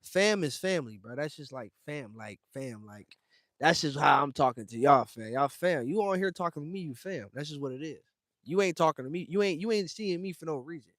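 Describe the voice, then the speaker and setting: A young American streamer speaks directly to his viewers in a casual livestream rant, his slightly high voice expressive, a bit bright and a little fast. He is slangy and emphatic, calling everyone fam and bro, in a dry, clean studio recording.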